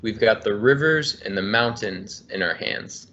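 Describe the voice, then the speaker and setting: A man of about thirty, an environmental engineer, reads a children's book aloud on a video call in a friendly, rhythmic way. His voice is on the low side, a little slow, pushed and bright. It's captured on a laptop webcam, and the video call audio is muffled.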